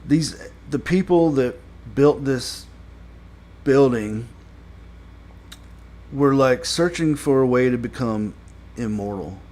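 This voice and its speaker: A man giving a casual spoken review, rambling and halting with many fillers and restarts, blunt and critical. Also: medium pitch, lively intonation, darkish tone. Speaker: show reviewer.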